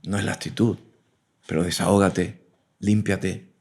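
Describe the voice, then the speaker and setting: Earnest male preacher, low voice, sermon with frequent amens. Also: fairly even intonation, unhurried, vocal fry, darkish tone. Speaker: preacher and teacher.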